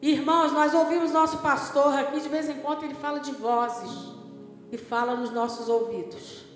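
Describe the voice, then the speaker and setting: A woman's voice: high voice, fairly even intonation, normal speed. A woman pastor with a Brazilian Portuguese accent, preaching a sermon in a conversational way and often checking in with the congregation. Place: church hall. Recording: echoey church hall with music. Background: music.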